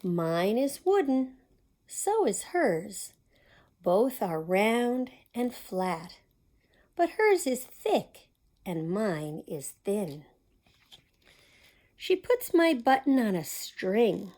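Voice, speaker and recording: This woman reads extremely slowly in a mellow, mid-range, sing-song voice, pausing often. As the storytime reader at a community library, she performs a picture book with expression and slips in asides for the kids.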